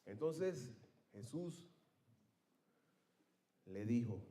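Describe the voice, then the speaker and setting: A man pastor preaching a sermon, telling the story dramatically with loud outbursts and hushed asides, calling the congregation for amens. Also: medium pitch, expressive, very slow.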